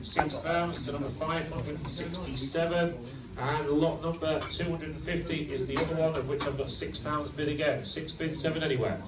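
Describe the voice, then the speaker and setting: A man's voice: a little high, fairly even intonation, moderate pace. British male auctioneer, repetitive bid-calling chant, far from the mic amid heavy crowd noise. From United Kingdom. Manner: repetitive clipped number calls with bantering asides. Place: busy auction room. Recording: distant echoey room with loud crowd. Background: loud crowd chatter.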